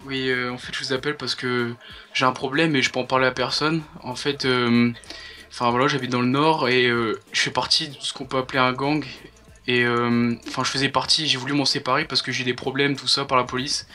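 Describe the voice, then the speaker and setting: Man playing troubled, halting caller, flat-toned, over the phone. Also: medium pitch, faint music behind, lightly acted. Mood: anxious, confiding. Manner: halting, rambling. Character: troubled, bullied young gang member seeking help. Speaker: prank caller. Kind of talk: prank phone call.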